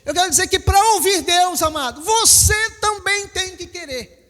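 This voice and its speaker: Man, Brazilian Portuguese accent, pastor, storytelling sermon, very high voice, reverberant hall. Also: moderate pace. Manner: storytelling, animated, acts out quotes, laughs with congregation. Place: church hall.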